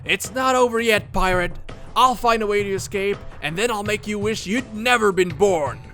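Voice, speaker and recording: A brave, defiant young hero yells his lines in a high, strained voice, as a man puts him on. The shouting is loud and urgent. Game music plays under him. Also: normal speed. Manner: excited shouting.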